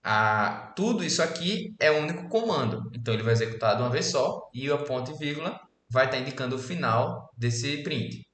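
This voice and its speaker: A man's voice: mid-range voice, a little fast, hardly any pauses. Casual young man teaching code, echoey room. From Alagoas, Brazil. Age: 20s. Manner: casual, relaxed explaining with frequent "beleza?" check-ins. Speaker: programming instructor. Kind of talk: screen-recorded coding lesson. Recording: echoey room with faint keyboard typing.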